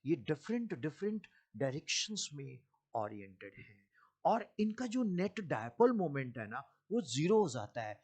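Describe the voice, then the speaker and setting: A man with an Indian accent teaches a classroom physics lecture, mixing Hindi and English and questioning his students along the way. His voice is on the high side, sing-song and darkish, at a measured pace.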